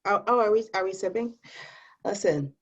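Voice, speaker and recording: A tipsy woman chats casually and comically as co-host of a rant show. Her pitch sits in a middle range for a woman. She tells things in an animated way, slipping into imagined quotes to make her point. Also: moderate pace. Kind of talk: casual comedic chat with a friend.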